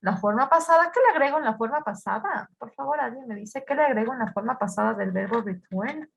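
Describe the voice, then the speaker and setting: A woman's voice: on the high side, lively intonation, brisk, creaky, husky, muffled recording. A woman teaching an English grammar lesson, patiently repeating words and quizzing her students.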